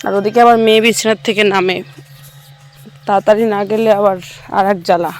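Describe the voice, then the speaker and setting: A woman's voice: mid-range voice, steady tone, a little fast, soft background music. A young woman chatting casually to her viewers in a home vlog while she cooks in a small kitchen. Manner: chatty, talks straight to viewers while cooking. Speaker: vlogger.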